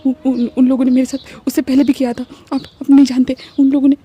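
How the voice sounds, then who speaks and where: Brief: terrified young man who stutters and repeats himself, softer and a little higher than the reader, as a woman puts him on; storybook reading. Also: flat delivery, fast talker, breathy edge. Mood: scared. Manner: stammering, repeats words in fear. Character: frightened young man, timid captive.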